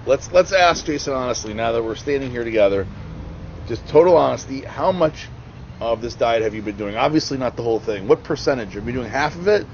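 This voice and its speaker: A man's voice: mid-range voice, expressive, fairly quick. A man co-hosting outdoors, probing with pointed, teasing questions. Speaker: co-host. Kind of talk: casual outdoor interview. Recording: dull audio with faint outdoor noise.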